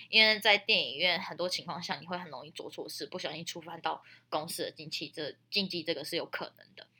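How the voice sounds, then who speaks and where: Casting: young female podcast host, Taiwanese Mandarin accent, lowish but bright and forceful tone, colloquial storyteller. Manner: chatty, colloquial, emphatic. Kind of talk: casual storytelling with friendly advice.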